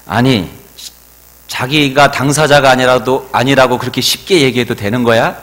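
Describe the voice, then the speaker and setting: A man's voice: mid-range voice, moderate pace, a bit bright, voice pushed up, lightly acted. A male pastor playing a worried elderly church elder who snaps back in an irritable, indignant way. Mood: angry. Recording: long church hall reverb.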